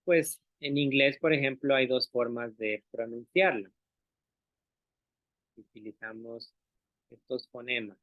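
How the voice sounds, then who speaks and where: Slow and steady, with long pauses, a medium-pitched man speaks to a room of teachers as a language instructor, patiently confirming they understand and sounding things out as examples. The recording is dry and tinny, much like a phone call.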